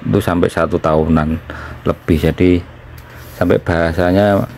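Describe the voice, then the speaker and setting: Deep voiced guy just explaining stuff casually while eating, bit of background noise. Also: steady tone, gravelly, darkish tone. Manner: talking while eating, with pauses. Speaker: vlogger, former trainee in Japan.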